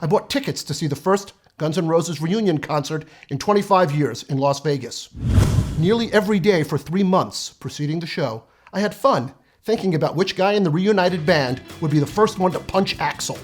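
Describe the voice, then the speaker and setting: A man's voice: on the high side, lively intonation, moderate pace, faint music behind. A man in his fifties delivering a scripted comedic monologue, sardonic and profane, with punchy timing. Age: 50s. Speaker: comedic essayist.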